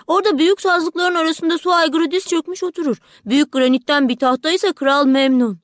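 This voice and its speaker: A woman narrating a fairy tale audiobook in a measured, expressive storytelling manner. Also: sits high, no echo, clean studio sound. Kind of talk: scripted narration.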